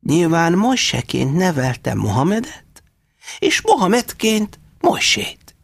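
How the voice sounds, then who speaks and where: A man reading an audiobook, voicing a shrewd, fussy old foster mother in a high, insistent voice. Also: very animated, vocal fry, slightly rough, no echo, heavily acted. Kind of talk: audiobook character voice.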